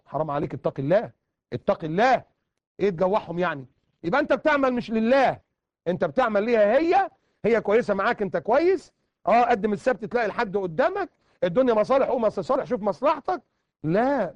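A man's voice: high voice, no echo, highs cut off. A man preaching a colloquial sermon in an Egyptian accent, emphatic and repeating words for stress.

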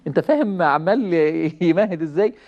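A man with an Egyptian Arabic accent giving a lively religious talk, telling stories, chuckling and acting out quoted lines. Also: high-pitched, quick pace, muffled recording. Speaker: preacher.

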